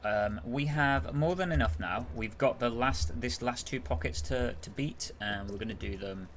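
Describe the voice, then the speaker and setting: A British gaming streamer with a medium-pitched voice and normal speed casually commentates his game live, with slight background noise. He's chatty, reading and responding to the chat as he plays.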